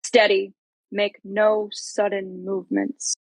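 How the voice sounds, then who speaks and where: A woman's voice: medium pitch, level tone, slow, gravelly, dry recording. Woman voicing a commanding elf queen. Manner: shouted urgent commands. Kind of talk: tabletop game narration.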